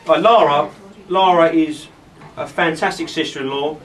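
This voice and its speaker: A man giving an informal, halting wedding toast speech, often repeating himself as he addresses the guests. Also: a little high, a bit bright. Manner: rambling, halting, repeats phrases. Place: wedding reception, speaking to gathered guests. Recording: distant mic in a noisy room.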